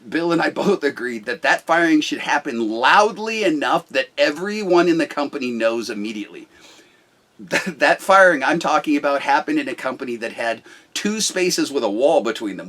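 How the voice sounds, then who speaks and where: With a loud, medium-pitched voice, this middle-aged man, a business owner, speaks bluntly and forcefully about management in casual talk.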